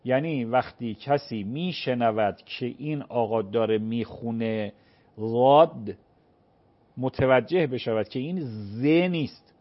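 On a call-in program, a man with a mid-range voice patiently answers viewers' religious questions, slowly acting out prayer recitations. The recording has its highs cut off.

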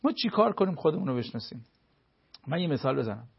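A man's voice: medium pitch, very animated, gravelly, husky, muffled recording. A man giving advice on a talk show, explaining his points with everyday examples and short acted-out dialogues.

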